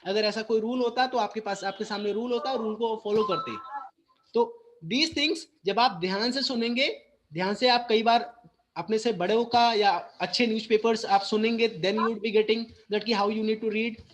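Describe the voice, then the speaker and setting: A man with an Indian English accent teaching a school class, switching between Hindi and English and explaining slowly and deliberately. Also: high voice, slight background noise.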